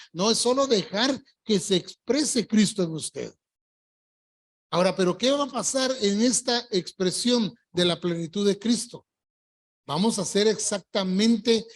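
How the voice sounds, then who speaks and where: An older man preaching a church sermon as pastor, stressing words and drawing key phrases out slowly. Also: high-pitched. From Colombia. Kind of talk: evangelical sermon. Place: church service.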